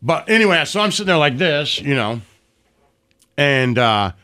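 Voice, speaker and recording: A man with a bright, forceful voice, a little higher than most, tells stories in loose, foul-mouthed chat. He acts out the voices of the people in his stories as he goes. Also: normal speed. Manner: profane, animated storytelling with acted quotes. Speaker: podcast guest. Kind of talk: casual storytelling chat.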